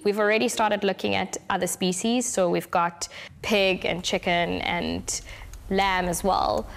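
Woman scientist, mid pitch, measured and upbeat interview answers. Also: vocal fry, faint music behind.

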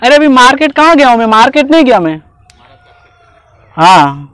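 A young man with a very high voice talks loudly into his phone in an outdoor park. He is cheeky and keeps apologizing without meaning it, in hidden-camera prank banter. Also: sing-song, normal speed, clear, resonant tone, dry recording.

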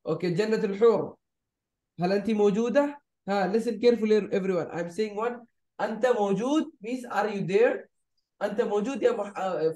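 High-voiced male tutor on a video call, slow and patient, repeats phrases for students. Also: dark tone. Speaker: Arabic teacher. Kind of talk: live online language class.

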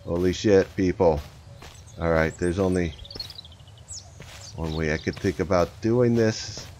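A man hosting his own gaming channel, chatting excitedly to viewers as he plays. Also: low voice, measured pace. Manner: excitable, talks to viewers while playing. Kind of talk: casual gameplay commentary. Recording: slightly dull, faint background noise.

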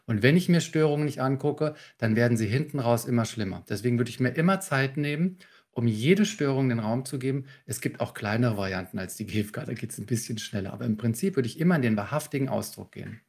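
Gravelly, husky male trainer explaining calmly. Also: medium pitch, fast talker. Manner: calm, instructive, walks through techniques with examples. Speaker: communication trainer, guest. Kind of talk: explanatory podcast interview.

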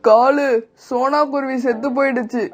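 A man voicing a kind, grieving pigeon uncle in a cartoon, gentle and sorrowful. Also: extremely high pitch, steady tone, normal speed. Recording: dull lo-fi with faint music.

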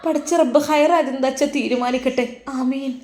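A woman's voice: high voice, steady tone, brisk, a little mellow, pitched above the performer's own voice, close to an everyday voice. A devout older woman played by a woman storyteller speaks a resigned, prayerful plea. She has a lilt, and a roomy echo surrounds her voice. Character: older woman, pious, sighing over fate.

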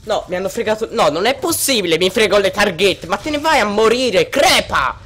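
A gamer giving gameplay commentary, swinging between low muttering and outraged yelling at opponents. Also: lively intonation, a little fast.

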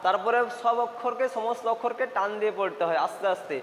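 A man from Bangladesh teaching Quran letter pronunciation, repeating each sound slowly and emphatically. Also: high voice. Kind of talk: spoken pronunciation lesson. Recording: echoey room with faint ambience.

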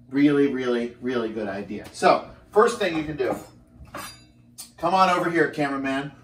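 A fitness cooking host in his thirties, medium-pitched, gives a casual, joking, energetic demonstration in a small home kitchen. He's recorded on a camera mic a few steps away, so he sounds distant and slightly off-mic in the echoey space.

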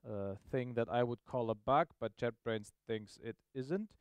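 On stage in a meetup presentation room, a software presenter gives a live technical demo, explaining things informally and often checking in with the audience through questions. His voice is medium-pitched, smooth, and measured in pace, with no echo.

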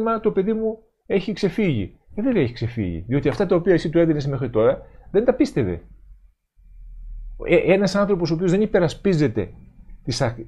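A middle-aged Orthodox priest preaches in an emphatic, questioning way. His pitch rises and falls a great deal as he stresses his points, over a warm, mellow tone. He moves between reading passages aloud and commenting on them. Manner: animated, emphatic, rhetorical questions.

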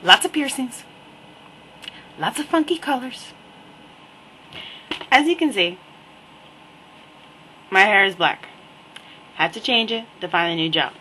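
Wry slow-talking New woman. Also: mid-range voice, slight background noise, poor audio. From New Jersey. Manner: wry, repetitive, deadpan asides. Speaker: vlogger. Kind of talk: casual webcam monologue.

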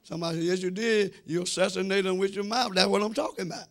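A fast-talking middle-aged American pastor with a high, creaky voice keeps a steady tone as he preaches. Before his congregation in the church sanctuary, he uses a handheld microphone, speaking to them directly with emphatic, drawn-out phrases.

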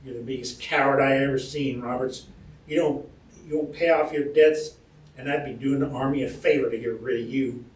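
Guy doing a loud drunk cavalry bully, taunting drawl, roomy far-off mic. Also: mid-range voice, normal speed, close to an everyday voice. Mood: belligerent taunting. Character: belligerent drunk cavalry private, quarrelsome bully. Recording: roomy hall, distant mic, faint ambience.

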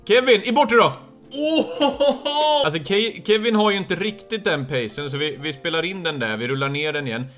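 Excitable young man narrating his own game. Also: fairly high pitch, few pauses, faint music behind. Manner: excitable, bursts into loud cheers at goals. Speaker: gaming streamer. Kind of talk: live gameplay commentary.

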